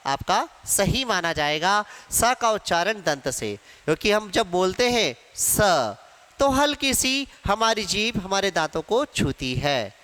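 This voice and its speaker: Bright-voiced teacher in an echoey hall. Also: male voice, high-pitched, clean tone. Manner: explains step by step, asks questions then answers them himself. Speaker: Hindi grammar teacher. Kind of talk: exam-prep classroom lecture.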